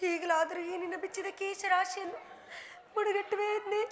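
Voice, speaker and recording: A woman's voice: very high-pitched, fairly even intonation, normal speed, slight background noise. A woman playing the wronged queen Draupadi, bitter and defiant, declaiming emphatic, plaintive stage dialogue in a village mythological play. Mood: recounting. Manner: emphatic, plaintive theatrical delivery. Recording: live stage recording with very loud music.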